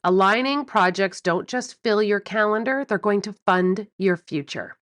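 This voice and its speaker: A woman hosting a solo business podcast, coaching listeners in an animated, emphatic way and stressing key words by repeating them. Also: mid-range voice, a little slow, no room sound. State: morning voice before coffee. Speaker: podcast host and business mentor.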